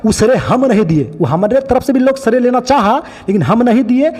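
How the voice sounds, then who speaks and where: A man's voice: very high voice, lively intonation, a little fast, darkish tone, husky, in a large hall. A man teaching biology, pointing out other teachers' mistakes in a critical, explaining way. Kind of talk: online lesson commentary.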